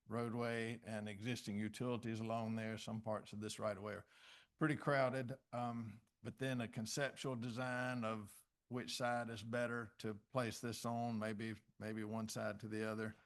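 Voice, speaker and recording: A man, a city director, methodically presenting a project report at a public commission meeting with frequent pauses. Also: mid-range voice, flat delivery.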